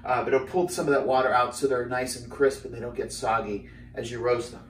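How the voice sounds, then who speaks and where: Brisk and medium-pitched, this fitness cooking host in his thirties jokes and cooks with lots of energy in a small home kitchen. A camera mic placed a few steps away captures him slightly off-mic, with kitchen echo and a little hiss or hum.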